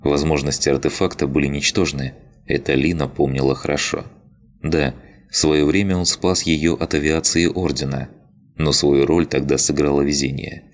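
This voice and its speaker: A man reading an audiobook in steady, even scripted narration. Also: extremely low pitch, normal speed. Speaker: audiobook reader.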